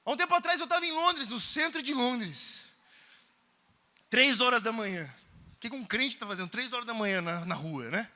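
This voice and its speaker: Male preacher, animated storytelling, reverberant church hall. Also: very high voice. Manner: animated storyteller, acting out dialogue, shouting at peaks. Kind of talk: conference sermon storytelling.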